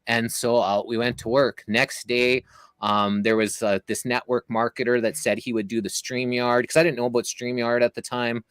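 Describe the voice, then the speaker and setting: A man's voice: medium pitch, little pitch movement, normal speed, fairly bright tone, smooth, no echo. A man telling a long story as an interview guest, casual and rambling, with many fillers and restarts.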